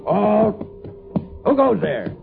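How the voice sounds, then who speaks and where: An actor playing a suspicious, dutiful army sentry with a curt manner, in old radio drama style. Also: male voice, medium pitch, very animated, fairly quick, creaky. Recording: phone-like, thin old radio recording.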